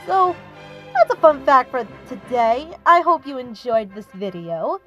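A woman's voice: high voice, very animated, unhurried, fairly bright tone, lo-fi sound, faint music behind. A woman hosting her own channel, chatting casually about history while showing her speed art, often correcting herself. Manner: chatty, with frequent self-corrections. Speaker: YouTube artist and channel host.

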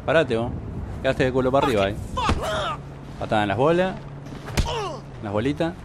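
A man with a Rioplatense accent giving excitable, mocking gameplay commentary and swearing often. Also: mid-range voice, fairly quick, background noise. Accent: Rioplatense Spanish. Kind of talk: casual let's-play commentary. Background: game music and gunfire.

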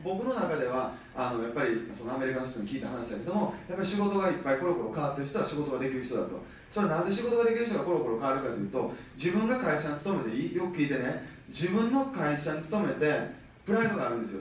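A man in his thirties with a Kansai accent, giving an animated seminar talk and often checking that the audience follows. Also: fairly high pitch, a little hiss or hum. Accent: Kansai Japanese. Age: 30s. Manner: animated, keeps checking the audience with rhetorical questions. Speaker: business seminar speaker. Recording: very echoey, mic far from speaker.

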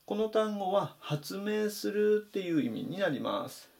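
A man teaching English vocabulary in Japanese, saying each word slowly and clearly in a voice-over lesson. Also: sits high, big pitch swings, darkish tone. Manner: slow, careful spelled-out pronunciation of English words.

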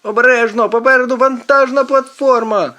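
A man's voice: medium pitch, sing-song, measured pace, a bit bright. A precise, bookish teenage boy with a fussy, lecturing way of talking, as a man reads him in an audiobook. The voice sits well above a grown man's and swings up and down as he explains things. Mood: alarmed. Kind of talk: audiobook character voice.

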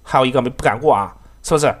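A man giving excitable, profanity-laced live commentary on his own game, laughing and talking to his teammates. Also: medium pitch, rapid-fire. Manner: excitable, swears often, laughs, talks to teammates. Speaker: game streamer.

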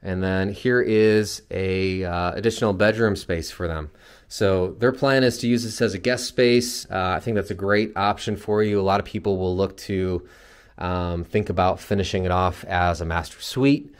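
At a moderate pace, a man with a fairly low voice narrates an off-the-cuff walkthrough of an empty new house. Acting as a builder's representative, he explains the features informally, as if showing a client around. The empty interior gives his voice a long reverb.

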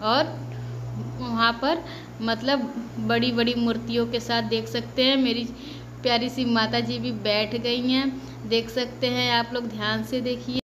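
A woman's voice: a little high, level tone, a little slow, a little hiss or hum, rough recording. A woman in her thirties, a mother and vlogger, speaking in a tearful, prayerful way about her family and her daughters. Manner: tearful prayerful speech, shouting at children. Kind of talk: casual devotional family vlog.

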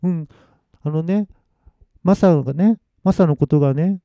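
A man's voice: a little high, unhurried, dry recording, dull audio, voice pushed up. A man voicing the ghost of a nineteen-year-old girl, with a sweet, slightly nasal, clingy and pleading voice.

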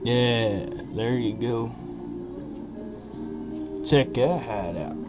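Here a young adult man with a mid-range voice talks to camera around a lip of dip, reviewing it in a loose, rambling chat marked by folksy, stretched-out hesitations. He's indoors in a small wood-panelled room, picked up by a webcam mic at arm's length while country music plays behind him.

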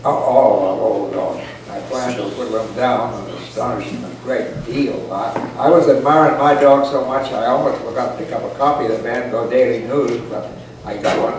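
With a mid-range voice and moderate pace, a man aged 80 or older gives a dry, rustic reading of a funny folksy tale. The setting is a parlor with a few listeners, and the far-off camera mic makes the room sound echoey and noisy.

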